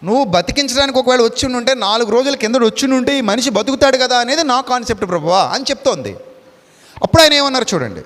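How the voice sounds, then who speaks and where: A man preaching with emphatic, repeating phrases, his voice sitting notably high. The sound trails off in a long hall reverb. He mixes in English words as he preaches. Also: lively intonation, quick pace, a bit bright. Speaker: pastor. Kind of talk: Telugu sermon with Bible reading.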